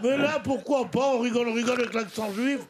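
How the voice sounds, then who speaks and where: A man's voice: very high-pitched, fast, slight background noise. A man with a pied-noir accent joking bluntly on a radio panel. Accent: pied-noir French. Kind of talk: casual radio panel banter. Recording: studio with audience laughter.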